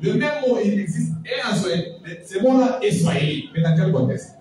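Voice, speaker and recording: Man, event speaker, animated and digressive, mic far off in a booming hall. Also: moderate pace, over a noisy crowd. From Democratic Republic of the Congo. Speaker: English language speaker at a launch event. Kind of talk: informal public talk answering a question. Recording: very echoey hall, voice from afar.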